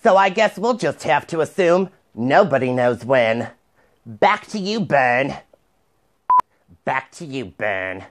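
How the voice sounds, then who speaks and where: A young man playing an earnest, deliberate female field reporter in a news spoof. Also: mid-range voice, big pitch swings. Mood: mock earnest. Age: young adult. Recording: noticeable background noise.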